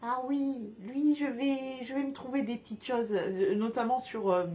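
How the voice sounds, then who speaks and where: A woman's voice: on the high side, a little slow, mellow. A young woman chatting casually through a shopping haul, gushing over cute items with many fillers and restarts. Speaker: haul vlogger. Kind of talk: casual haul video chat.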